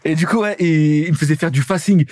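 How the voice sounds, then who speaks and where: A young man in his twenties with a slightly high voice banters and teases, moving between grumbling complaints and amused jabs. The sound is close and dry. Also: a little fast, darkish tone, dry recording. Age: 20s. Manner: teasing, mock-grumpy banter. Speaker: podcast co-host. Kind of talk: casual chat.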